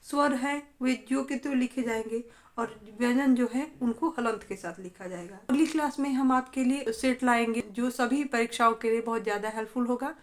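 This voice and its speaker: A woman's voice: fairly high pitch, moderate pace. A woman teaching an exam-prep grammar lesson, steadily reading questions and explaining each answer.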